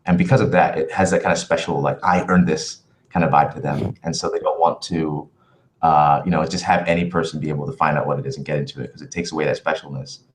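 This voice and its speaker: A man chatting casually as a livestream host in a halting, rambling, thoughtful way, with livestream headset-style audio. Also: rumbling low, steady tone, a little hiss or hum. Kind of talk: casual livestream chat answering viewer questions.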